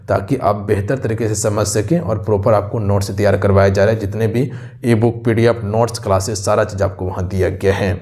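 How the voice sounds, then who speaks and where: With a lowish, slightly mellow voice, a male teacher walks viewers through an exam question paper on a close voice-over mic. He tends to repeat himself and addresses everyone directly as "aap sabhi."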